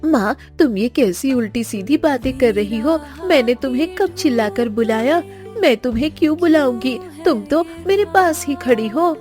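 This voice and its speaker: A woman's voice: high-pitched, lively intonation, normal speed, darkish tone. A woman voicing a playful teenage girl who teases her mother, over background music. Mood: teasing. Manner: teasing, cheeky. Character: playful teenage girl, teasing younger sister. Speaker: voice actor. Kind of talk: dubbed cartoon acting.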